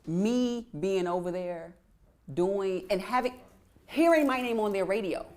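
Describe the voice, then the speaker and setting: A young adult woman musician telling stories in a casual interview, animated and repeating phrases for emphasis. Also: medium pitch, a little slow. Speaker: guest musician.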